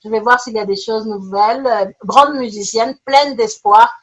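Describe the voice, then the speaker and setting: A woman running an online teaching webinar from her computer, reading out chat answers in quick playful lists. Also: fairly high pitch, fairly bright tone, lo-fi sound. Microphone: computer mic on a video call.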